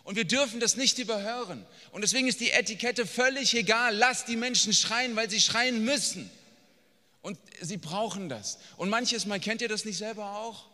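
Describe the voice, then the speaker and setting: A man preaching a sermon, blunt and emphatic, swinging from quiet asides to near-shouting. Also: high voice, normal speed. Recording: long reverb of a large hall.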